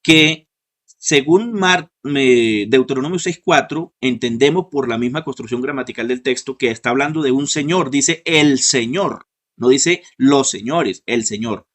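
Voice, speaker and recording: A man at a middle pitch hosts an online debate over a call. He speaks in a measured, questioning way and invites his guests to answer. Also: fairly bright tone. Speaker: host and moderator.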